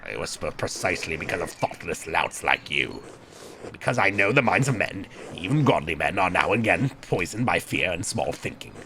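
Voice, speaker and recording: A man voicing a stern, guarded monk who heads a scriptorium, speaking low, clipped and haughty, just above a murmur. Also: big pitch swings, normal speed, noisy background. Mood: haughty, hushed. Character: stern aging male monk, a cold guarded prior.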